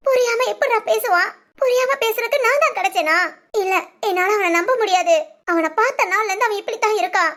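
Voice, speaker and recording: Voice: extremely high pitch, a little fast, fairly bright tone. A performer voicing a tearful young woman in a cartoon, a devoted younger sister who pleads emotionally and insists on her choice. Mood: worried. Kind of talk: cartoon voice acting.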